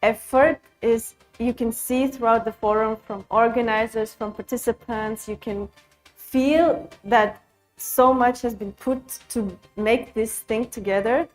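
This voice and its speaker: A woman's voice: fairly high pitch, fairly even intonation, measured pace, faint music behind. A woman describing what made a forum stand out, in a thoughtful, casual way. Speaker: forum participant. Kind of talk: testimonial interview.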